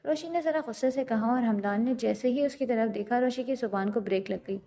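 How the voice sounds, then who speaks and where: Female narrator, steady scripted storytelling, warm and mellow. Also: a little high.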